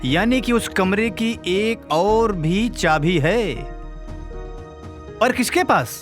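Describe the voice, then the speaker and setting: A shrewd police officer. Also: male voice, high-pitched, expressive, takes it slowly, faint music behind. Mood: reasoning. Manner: authoritative, reasoning aloud, threatening. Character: shrewd senior police officer interrogating a suspect.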